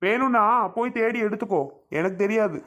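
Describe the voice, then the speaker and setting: A woman's voice: fairly high pitch, brisk, fairly bright tone, natural voice. A woman playing a grown son who defends himself angrily and makes threats. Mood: defensive. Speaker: Arun, a son and husband in a family skit. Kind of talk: family comedy skit acting.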